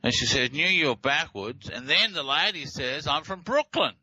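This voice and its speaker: A man's voice: a little high, animated, normal speed, sharp tone, rough recording. A man with an Australian accent hosting a talk show, explaining audio clips in a hesitant way with many fillers and restarts. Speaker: host.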